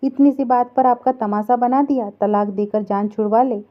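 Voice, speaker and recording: A woman's voice: on the high side, steady tone, normal speed, lightly acted. A woman voicing a blunt, dismissive younger brother, in a dull lo-fi recording.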